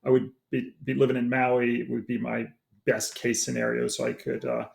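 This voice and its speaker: A man who grew up on the East Coast, a sports handicapper talking through his approach in a measured, casual way. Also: medium pitch, little pitch movement, creaky. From East Coast of the United States. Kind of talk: casual chat.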